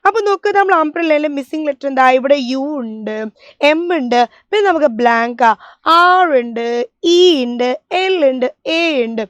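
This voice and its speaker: High sing-song woman teacher. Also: animated, no room sound. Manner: sing-song, coaxing, spells letters out slowly. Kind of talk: children's spelling lesson.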